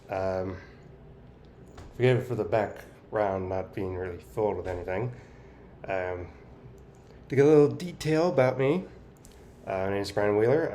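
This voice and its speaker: A man with a fairly low voice gives a casual vlog-style update over clearly audible background noise. He speaks with a straw clenched in his teeth, so his articulation is effortful and impaired. His delivery is halting and hesitant. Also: mellow. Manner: talking through clenched teeth, biting on a straw. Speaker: vlogger sharing speech progress. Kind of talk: casual personal update to camera.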